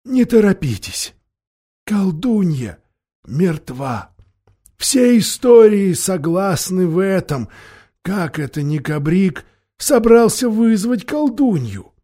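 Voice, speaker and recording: A man voicing a learned older male doctor who urgently calms the room. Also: high-pitched, slow, pitched above the performer's own voice, heavily acted.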